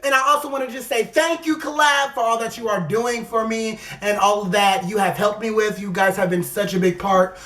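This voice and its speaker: A man telling a comedic story on his vlog, animated and dramatic, with crude, exaggerated self-mocking humor. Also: moderate pace, hardly any pauses. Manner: animated and dramatic, jumps into high excited squeals. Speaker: vlogger.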